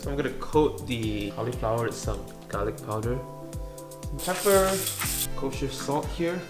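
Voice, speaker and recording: Male home vlogger, casual and slightly halting, roomy kitchen sound with music underneath. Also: mid-range voice. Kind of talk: casual cooking and recovery vlog. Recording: echoey room with music behind.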